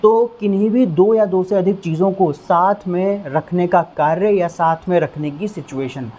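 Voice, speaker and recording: A man teaching English vocabulary in Hindi, explaining patiently and drilling each word with slow repetitions. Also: high-pitched, mellow.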